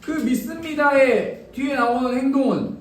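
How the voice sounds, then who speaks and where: Animated male preacher in an echoey hall. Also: high voice, moderate pace, a little hiss or hum. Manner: animated storytelling, acting out quoted lines. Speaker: children's ministry preacher. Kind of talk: children's sermon. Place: church sanctuary. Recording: echoey church hall from a distance.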